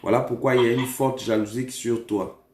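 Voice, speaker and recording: A man leading a deliverance prayer as a prophet, giving commands to callers in a forceful, repetitive way. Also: mid-range voice, level tone, a little fast, roomy sound, a little hiss or hum.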